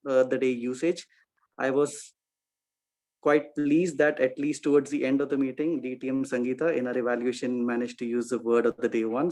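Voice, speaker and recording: A man, the meeting's grammarian, giving a quick and methodical report on the language used at a club meeting, with a taste for wordplay. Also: mid-range voice, a little mellow, rough recording.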